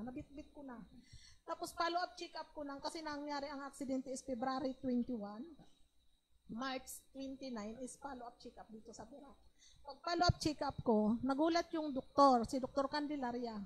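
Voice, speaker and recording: A woman's voice: high voice, slight background noise, rough recording. A woman with a Filipino accent giving an emotional, earnest testimony at church. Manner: tearful, earnest storytelling. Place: church hall.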